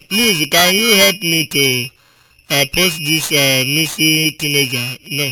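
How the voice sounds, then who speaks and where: A man with a fairly high voice and a Nigerian Pidgin English accent hosts a casual call-in radio show. He chats away, ending each point with a rhetorical, questioning "eh?", and the audio is very noisy.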